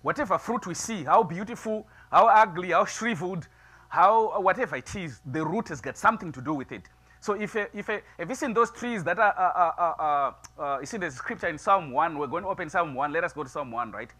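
A middle-aged man preaching a sermon in a small church, moving from quiet musing to loud, emphatic preaching. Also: high voice, animated, a little fast. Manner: builds from soft musing to loud preaching, gestures widely. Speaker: pastor. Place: small church sanctuary, seated before altar flowers.

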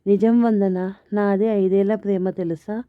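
A woman's voice: medium pitch, steady tone, a little slow, clear, resonant tone, lightly acted. A woman reads a confident young man with a friendly, persuasive way of talking, in a plain everyday voice. The sound is narrow and tinny, like a phone line. There is no room echo at all. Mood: earnest.

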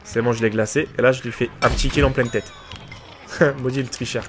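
A man giving let's play commentary on a shooter game, excitable and joking as he mocks opponents and chats with his viewers. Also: mid-range voice, a little fast, faint music behind. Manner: excitable, joking, teasing the enemy players; chatty with viewers. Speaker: gaming video creator.

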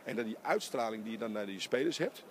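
With a lowish voice and a little hiss or hum in the recording, a middle-aged basketball coach talks emphatically in a post-game interview. He's in an empty arena, close to a handheld interviewer mic, animated and speaking in quick bursts.

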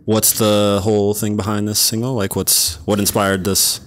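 A man in his thirties hosting a casual podcast chat in a small studio, playful and quick to tease, on a studio microphone. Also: on the low side, flat delivery. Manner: playful, teasing, quick to laugh. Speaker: podcast host. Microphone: studio condenser mic on boom arm.

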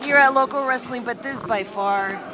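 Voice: mid-range voice, moderate pace, loud music behind the voice, low-quality recording. An emphatic, alarmed lucha libre announcer giving casual live color commentary and repeating phrases for emphasis. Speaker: wrestling co-commentator. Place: indoor wrestling venue, near the ring. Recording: crowd noise in wrestling venue.

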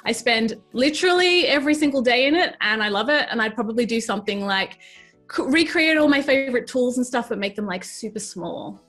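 A woman's voice: a little high, animated, fairly bright tone, faint music behind. A woman in her thirties from New Zealand, an enthusiastic guest on a casual craft chat. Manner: enthusiastic, gushing, fast bursts. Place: colourful craft studio set.

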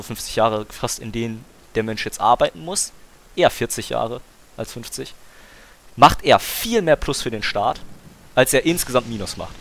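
This young game streamer has a medium-pitched, somewhat bright voice. In casual, slangy chat he argues his point and presses on through interruptions.

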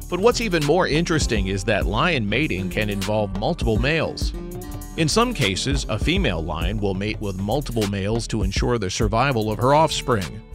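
A man narrating a scripted nature documentary. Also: fairly low pitch. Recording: music behind the voice. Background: background music.

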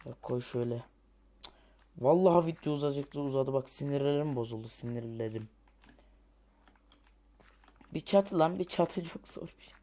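A man narrates his own building game as he plays, muttering his next moves aloud. He keeps getting annoyed, cursing at creatures and complaining about how long everything takes, in a mid-pitched, everyday voice. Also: normal speed, long pauses, warm tone. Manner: frustrated, grumbling and cursing at the game; thinking aloud while building. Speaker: gamer. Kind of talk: let's play commentary.

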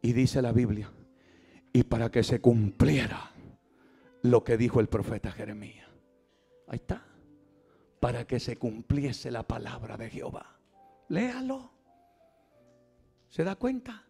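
A man's voice: mid-range voice, animated, measured pace, vocal fry, pauses often, dark tone, slightly rough, faint music behind. A man preaching an impassioned Pentecostal sermon as pastor at a church service, calling out to the congregation.

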